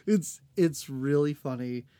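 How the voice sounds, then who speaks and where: A woman co-hosting a podcast, recapping an episode in casual chat, animated, laughing often and acting out characters' lines. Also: low-pitched, slow, dry recording. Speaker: podcast co-host.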